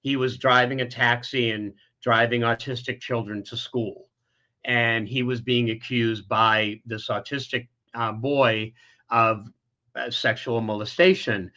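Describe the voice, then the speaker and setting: Candid, bright-voiced man telling his story. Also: medium pitch, steady tone, measured pace, highs cut off. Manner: emotional, candid storytelling with many restarts. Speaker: guest. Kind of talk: personal story in an interview.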